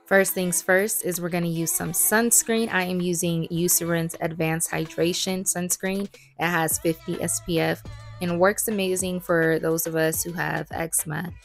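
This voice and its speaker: Chatty young woman, lowish voice. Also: fairly even intonation, normal speed, gravelly, soft background music. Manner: chatty, playful and self-joking. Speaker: beauty and fitness vlogger. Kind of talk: get-ready-with-me voice-over.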